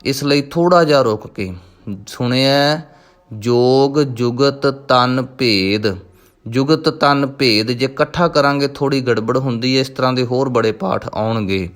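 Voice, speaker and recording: A man teaching the correct pronunciation of scripture, reciting each verse slowly and then explaining patiently. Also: medium pitch.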